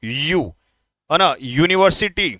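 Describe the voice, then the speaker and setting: A man teaching English grammar in an exam-prep lesson, speaking informally to students and repeating words slowly to drill pronunciation. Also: on the high side, expressive, pushed and bright, no echo. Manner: addresses students informally, asks quick questions.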